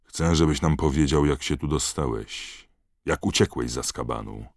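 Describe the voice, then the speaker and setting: A man voicing an old male wizard headmaster who questions quietly and calmly. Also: a bass voice, normal speed, gravelly, no room sound, clean studio sound, exaggerated voice.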